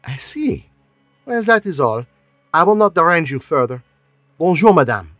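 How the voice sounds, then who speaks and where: A man voices a fussy, dapper middle-aged detective who talks precisely and politely with faintly French-flavoured phrasing. His fairly high voice swings widely in pitch at a moderate pace, a bit bright, pushed up, with no room sound and soft background music.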